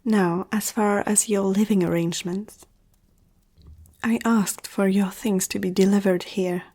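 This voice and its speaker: A woman playing an ancient, powerful vampire aristocrat in an ASMR roleplay, poised, intimate and seductive, speaking in a breathy half-whisper. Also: medium pitch, fairly even intonation, a little slow, mellow. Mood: soft, sincere.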